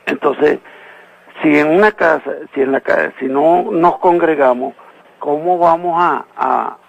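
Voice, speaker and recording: A man's voice: fairly high pitch, measured pace, creaky, dry recording, highs cut off. A man from Venezuela calling in over the phone to a live radio show, earnestly citing scripture verse by verse. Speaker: caller asking a Bible question.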